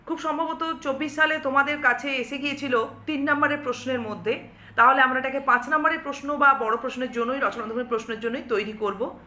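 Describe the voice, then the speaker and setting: A woman's voice: high voice, steady tone, brisk, sharp tone, roomy sound. A woman teacher with a West Bengal Bengali accent explaining a poem to students step by step, asking and answering her own questions.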